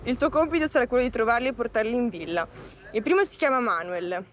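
A woman's voice: fairly high pitch, animated, fast talker, noisy background. A woman in her twenties, a reality show contestant, talking in a bubbly, giggly, playful way. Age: 20s. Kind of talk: reality TV confessional and chat. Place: outdoors by a pool, then a city square. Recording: music bed behind the voice.

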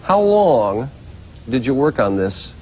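A man's voice: mid-range voice, big pitch swings, takes it slowly, a little mellow, a little hiss or hum. A man with an American accent presenting and interviewing as a morning news show host.

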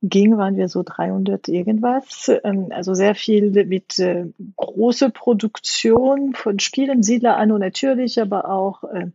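A woman's voice: medium pitch, vocal fry, dark tone, slightly rough, no room sound, dull audio. A middle-aged woman from France with a French accent, a games industry guest in an interview, speaking hesitantly with many fillers.

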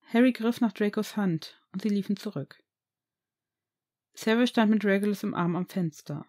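A woman narrating a fan-fiction audiobook in an even, unhurried reading voice. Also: medium pitch. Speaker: reader.

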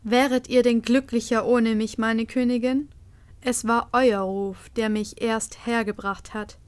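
A solemn male mirror spirit speaks in slow, measured, formal phrases, put on by a woman reading a storybook. The voice sits fairly high and is recorded close and dry, with no room sound around it. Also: steady tone, no room sound, lightly acted.

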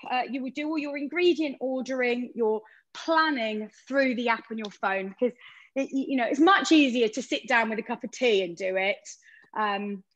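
A woman's voice: a little high, normal speed, lo-fi sound. A woman giving a live cooking demo over a video call from a kitchen, chatty and explaining step by step. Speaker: cooking appliance demonstrator.

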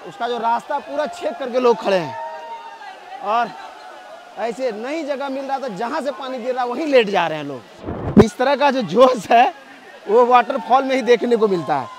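A man giving lively travel-vlog commentary outdoors on a forest trail by a waterfall, talking straight to viewers and chatting with people he meets. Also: very high-pitched, noisy background. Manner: lively, addresses viewers directly, chats with passers-by. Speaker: travel vlogger. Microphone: camera filmed by a companion while walking.

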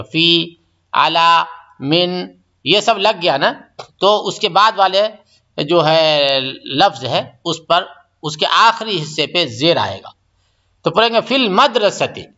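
Male teacher, fairly high and bright voice, slow and patient, repeats every phrase; dull lo-fi recording. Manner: patient, repeats each phrase and explains step by step. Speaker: Arabic teacher. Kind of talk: recorded grammar lesson.

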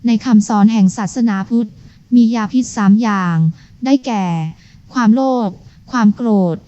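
A woman reading the part of a calm, devout young woman in an audiobook, speaking gently and softly in measured phrases. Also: a little high, no echo, lightly acted. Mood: lecturing. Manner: gentle, soft-spoken, measured. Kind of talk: audiobook character voice. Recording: dull lo-fi recording.

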